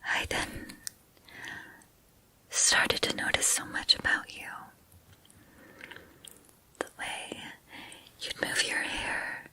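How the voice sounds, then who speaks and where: A woman in a whispered role-play, voicing an obsessive, lovestruck female student turned captor who confides haltingly in a breathy whisper. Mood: infatuated. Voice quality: breathy whisper, mostly unvoiced. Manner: hesitant, halting, intimate confiding.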